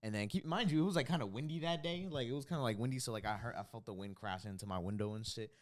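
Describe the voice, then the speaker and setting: A man's voice: medium pitch, fast talker. A man with a New Jersey accent telling a story in casual, swear-heavy chat with friends. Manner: animated storytelling, swears a lot. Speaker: podcast co-host.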